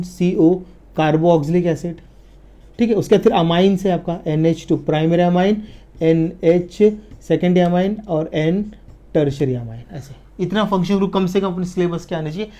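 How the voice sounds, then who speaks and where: A man's voice: sits high, mellow. Coaxing male chemistry teacher drilling students. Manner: coaxing, repeats "ठीक है ना" to check understanding; slows down and drops his voice while writing terms on the board. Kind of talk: online exam-prep lesson.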